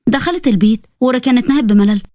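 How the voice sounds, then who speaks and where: A woman with an Egyptian accent narrating a story in a brisk, scripted way. Her voice sits a little high and races along very quickly. The recording is dry and close. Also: lively intonation, warm tone, no echo.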